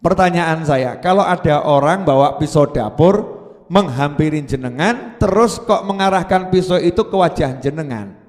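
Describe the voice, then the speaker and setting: A man, preaching a sermon to a live audience in a lively, playful way, questioning listeners and acting out voices. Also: fairly high pitch, moderate pace. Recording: long hall reverb.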